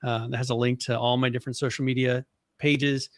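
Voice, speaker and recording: A man from the American Northwest co-hosting a podcast in casual chat, talking in a relaxed, rambling way with lots of fillers. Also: mid-range voice, a little fast, no echo, clean studio sound. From Boise, Idaho area of the US. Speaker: podcast co-host.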